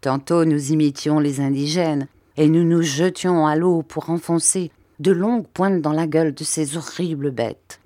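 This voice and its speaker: Woman, audiobook narrator, low voice, measured reading, dry close mic. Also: fairly even intonation, dark tone, no room sound. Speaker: audiobook reader.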